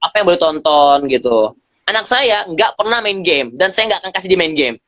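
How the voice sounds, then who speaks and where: A man speaking as a guest on a live stream, telling lively stories in slangy casual talk and acting out bits of dialogue. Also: high voice, normal speed, no echo. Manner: animated storyteller, acts out dialogue, slangy. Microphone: phone on a live video stream.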